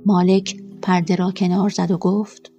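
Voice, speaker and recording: A woman narrating a first-person story in a quiet, measured way. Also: lowish voice, little pitch movement, lo-fi sound, soft background music.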